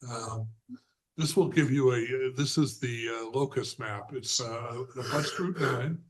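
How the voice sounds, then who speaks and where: A man presenting a plan at a zoning hearing, hoarse and halting, with many fillers and frequent throat clearing. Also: medium pitch, rough recording. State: hoarse, losing his voice. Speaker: applicant's representative. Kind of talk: presenting at a remote board hearing.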